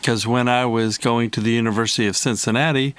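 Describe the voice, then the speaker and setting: A man from Ohio co-hosting a casual podcast, trading dry, teasing one-liners. His voice is smooth and resonant, recorded close and dry, and he speaks at a middle pitch. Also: steady tone, fast, a bit bright, no echo. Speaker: podcast co-host, musician. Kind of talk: casual chat.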